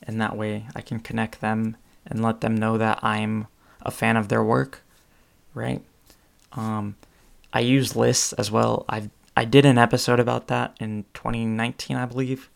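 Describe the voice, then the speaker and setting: Man, podcast host, casual rambling monologue, heavy vocal fry, flat delivery. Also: on the low side, moderate pace. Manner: rambling, many ums and restarts.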